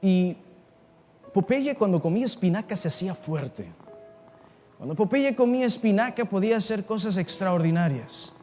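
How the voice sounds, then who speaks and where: A man with a high voice delivers an impassioned sermon, telling a personal story and calling out to his listeners. He speaks in a large assembly hall, and the long reverb carries his words over faint music. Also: lively intonation, moderate pace, a little mellow. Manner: impassioned, addresses listeners directly. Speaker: pastor.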